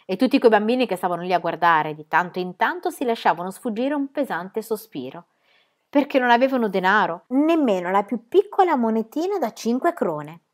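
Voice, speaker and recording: A woman reading a children's book aloud in a lively, expressive manner. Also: a little fast. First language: Italian. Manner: expressive, with rises and falls in pitch. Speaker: storybook reader.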